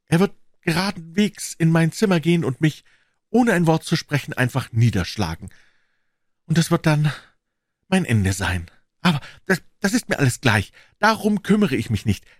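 A man's voice: fairly high pitch, very animated, normal speed, no room sound, studio quality, pitched above the performer's own voice. A man voicing an anxious, bitter older woman, a former nanny, in a storybook reading. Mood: bitter, grim.

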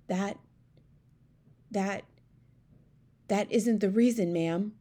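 A woman's voice: fairly high pitch, animated, moderate pace, mellow, pitched above the performer's own voice. A woman voicing a middle-aged royal maid in a storybook, deferential, flustered and prone to stammering. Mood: shaken. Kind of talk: storybook character voice.

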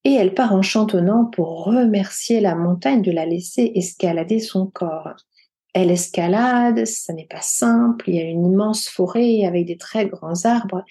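A woman retelling a folk tale for her podcast in a gentle, unhurried way, with small hesitations. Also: medium pitch. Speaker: podcast storyteller.

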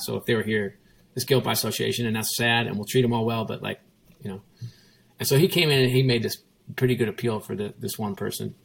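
A former CEO, appearing as a guest in a casual interview, tells a story in a low-leaning male voice with vocal fry and a breathy edge. He's emphatic, repeats his points, and quotes both himself and other people.

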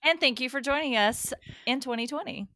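A woman with a Southern US country accent co-hosting a podcast, reacting in animated, casual chat. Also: sits high, fairly quick, no echo, studio quality. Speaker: podcast co-host.

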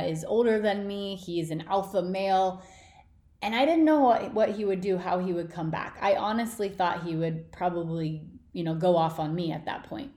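Female podcast host, slightly lower pitch, informal motivational monologue, emphatic and frank, noticeable room echo. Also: a little mellow. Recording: roomy, echoing indoor sound.

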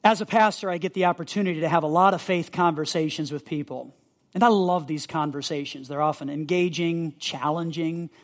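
A man's voice: fairly high pitch, steady tone, brisk. A male pastor teaching a sermon, earnest and emphatic, repeating key words for listeners to underline in their notes.

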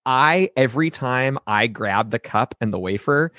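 Lively man telling a story on a podcast. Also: mid-range voice, measured pace, no echo, studio quality. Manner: animated storytelling, frequent agreeing. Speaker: podcast co-host. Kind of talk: casual chat.

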